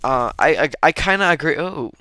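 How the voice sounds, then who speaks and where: A man's voice: fairly high pitch, expressive, fairly quick, bright, forceful tone, a little hiss or hum. A young man co-hosting a casual philosophy chat, hesitant and full of ums and restarts. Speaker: co-host.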